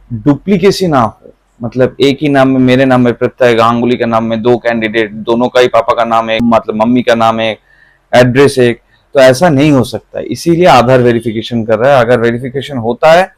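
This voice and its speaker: A man's voice: medium pitch, dry recording, rough recording. Man in his thirties giving exam advice. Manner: explanatory, mixes English into Hindi, repeats points. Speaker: exam coach. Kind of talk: Hindi-English exam guidance talk.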